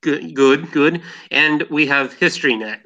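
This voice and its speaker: A man's voice: on the high side, a little slow, pushed and bright. A man hosting a casual podcast discussion, hesitant with frequent ums and restarts. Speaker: podcast host. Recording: dull lo-fi mic.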